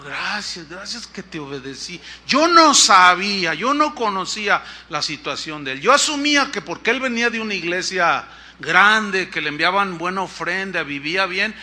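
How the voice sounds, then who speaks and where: A man, a pastor telling a testimony in a sermon, acting out the voices in his story. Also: sharp tone. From Mexico. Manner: storytelling, acts out dialogue with shifting pitch and volume.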